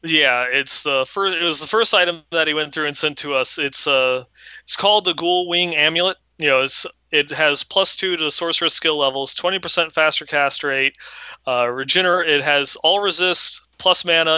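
A man's voice: on the high side, moderate pace, pushed and bright, smooth, no echo. A man co-hosting a podcast, explaining game items at length in a casual chat. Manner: explains game details at length, many restarts. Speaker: podcast co-host.

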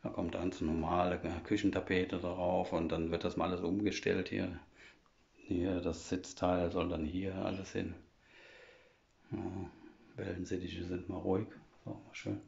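A man's voice: low voice, little pitch movement, a little slow, vocal fry, a little mellow, highs cut off. A man chatting casually as he walks through his old half-timbered house with a phone camera, explaining things step by step with lots of fillers. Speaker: vlogger giving a home tour. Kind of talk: casual walkthrough chat. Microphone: phone camera held while walking.

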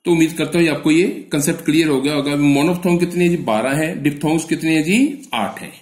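A man's voice: fairly high pitch, quick pace, darkish tone, echoey room. Teacher posing and answering his own questions. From northern India. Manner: asks questions and answers them himself; addresses the students with a polite "ji". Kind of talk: exam-prep lesson.

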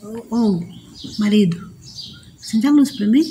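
At home beside her potted plants, a woman with a Brazilian Portuguese accent hosts a casual phone live stream, chatting with viewers as friends and reading their comments aloud in a homely way. Her medium-pitched, expressive voice has a dark tone and a measured pace. A little hiss or hum comes through.

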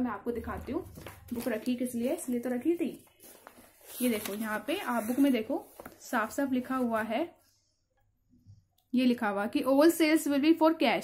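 Female tutor with a high voice and a patient, step-by-step lecturing manner. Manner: explains patiently, checks in with "theek hai". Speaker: commerce teacher.

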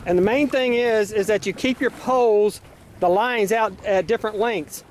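A man giving a relaxed, casual fishing how-to while out on a pontoon boat, filled with uhs. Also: high voice, normal speed. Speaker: fishing vlogger. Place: pontoon boat on a windy lake, outdoors. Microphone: handheld camera mic. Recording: heavy wind and boat noise on mic.

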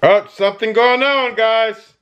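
A middle-aged man giving casual gameplay commentary into a headset mic, breaking into excited shouts and yelps. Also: high voice, a little slow, clean tone, dull audio. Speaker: gaming YouTuber. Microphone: gaming headset.

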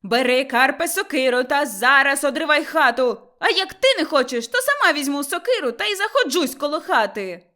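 A woman voicing a furious, quarrelsome young village wife who shouts shrilly. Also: high-pitched, animated, fairly quick, voice pushed up. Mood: furious shouting.

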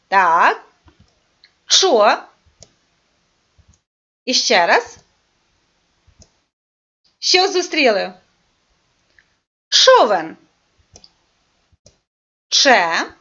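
A woman's voice: on the high side, a bit bright. Sing-song woman teaching small children. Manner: sing-song, coaxing, drawn-out words. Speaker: preschool teacher. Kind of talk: lesson for young children. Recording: dull lo-fi recording.

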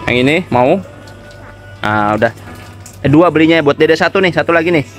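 Coaxing dad with a lilt. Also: male voice, a little high, lively intonation, normal speed, soft background music. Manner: coaxing, playful, repeats himself to a small child. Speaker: father filming his son. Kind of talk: casual family vlog narration. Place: shop and street outdoors.

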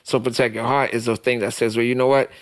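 On a boom-mounted studio mic in a small podcast studio, a Haitian guest delivers casual interview talk that's passionate, profane and preachy. His medium-pitched voice is flat and fast, with no echo.

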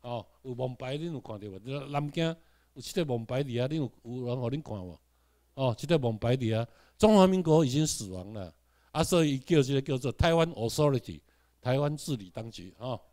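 A man from Taiwan, giving a classroom lecture. He asks the room rhetorical questions, has the class repeat words after him, and swings between loud emphatic bursts and quiet asides. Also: medium pitch, lively intonation, fairly quick.

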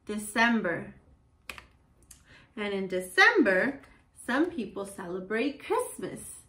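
A woman teaching children in a bilingual lesson, repeating each word slowly in a sing-song way. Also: medium pitch, fairly bright tone, echoey room, distant mic. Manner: slow, sing-song repetition of words for children.

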